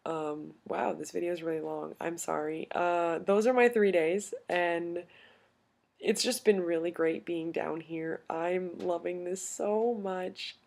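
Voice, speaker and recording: A woman's voice: fairly low pitch, fairly even intonation, slow pace, gravelly, a little mellow. A woman in her twenties from upstate New York, rambling through a casual storytelling vlog. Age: 20s. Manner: rambling, many fillers and restarts. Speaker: vlogger.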